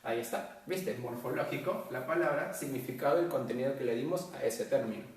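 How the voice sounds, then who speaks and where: A man's voice: mid-range voice, fairly quick, recorded from a distance. A male teacher giving a virtual class to secondary students, explaining casually with many fillers and tag questions. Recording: roomy echo, voice from off-mic.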